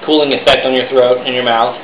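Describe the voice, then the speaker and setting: A man casually reviewing hookah tobacco, speaking with the hookah mouthpiece at his lips, in a relaxed, rambling way. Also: medium pitch, fast, lo-fi sound. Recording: echoey room with background noise.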